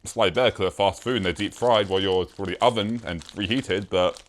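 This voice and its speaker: A young British man chats to his camera in a loose, rambling vlog. He is self-mocking and swears casually, and his voice sits slightly low. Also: quick pace. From Britain. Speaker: YouTuber.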